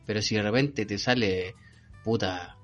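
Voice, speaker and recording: A man's voice: on the low side, a little slow, a bit bright, soft background music. A young Chilean man co-hosting a casual chat, bantering in crude slang. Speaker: podcast co-host.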